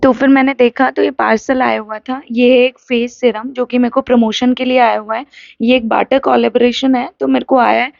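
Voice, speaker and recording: A woman's voice: a little high, steady tone, normal speed, creaky, dull audio. A young woman talking casually through a home vlog, chatty and rambling as she explains her day. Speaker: vlogger.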